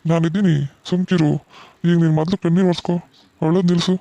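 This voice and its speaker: A man voicing a gentle middle-aged village father in a cartoon, soothing and reassuring his daughter. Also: high voice, flat delivery, fast talker, no room sound, natural voice. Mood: comforting. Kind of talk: cartoon voice acting.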